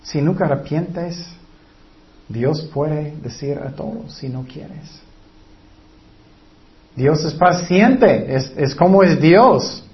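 A man's voice: a little high, expressive, takes it slowly, pauses often. A man preaching a sermon, retelling a scripture story and asking his listeners many rhetorical questions. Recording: dull lo-fi recording.

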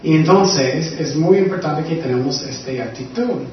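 Male Bible study leader, slightly high voice, questions the group, very reverberant distant recording. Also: normal speed, slight background noise. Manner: asks listeners questions often. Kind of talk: conversational Bible teaching. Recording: very echoey, distant, dull room recording.

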